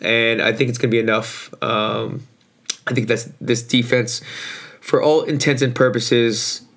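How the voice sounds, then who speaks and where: Hoarse man hosting a sports podcast. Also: mid-range voice, little pitch movement, unhurried, fairly bright tone. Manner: informal, slangy, mildly profane. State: hoarse, voice shot from overuse. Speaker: podcast host. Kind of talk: casual sports podcast talk, predictions.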